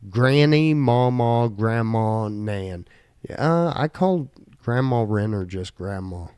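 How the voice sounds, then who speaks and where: A man's voice: mid-range voice, expressive, slow pace, a little mellow, smooth, dry recording, studio quality. A man with a slight Southern twang, hosting a casual podcast chat and reading quiz questions aloud in a laid-back way that includes casual swearing. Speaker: podcast co-host.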